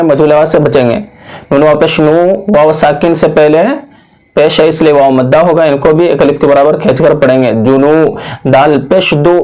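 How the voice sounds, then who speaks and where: A man from India teaching Quran reading, spelling out each word slowly and patiently, drawing out long vowels. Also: a little high, a little mellow, low-quality recording. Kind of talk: slow spelled-out recitation lesson.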